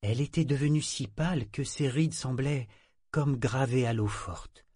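A man narrating an audiobook in a measured, expressive reading. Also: medium pitch, husky, dry recording, clean studio sound. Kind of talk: scripted narration.

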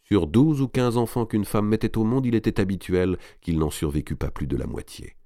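A man narrating a historical novel in a measured, literary reading. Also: on the low side, warm tone, no room sound, studio quality. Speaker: audiobook narrator.

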